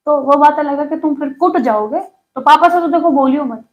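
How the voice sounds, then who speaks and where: A woman's voice: sits high, a little fast. A young woman teaching an online exam-prep lesson in a chatty way, teasing her students with jokes.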